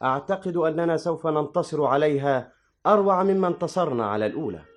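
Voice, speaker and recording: Upbeat young man, actor, quick, slightly high. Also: lively intonation, faint music behind, natural voice. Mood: confident. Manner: confident, upbeat.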